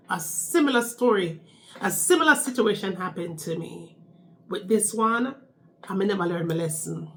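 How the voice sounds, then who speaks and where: There's a little hiss or hum under the medium-pitched voice of a young Jamaican woman vlogging a casual storytime. Speaking with a Jamaican accent, she echoes her own phrases and adds "okay?" to the end of lines.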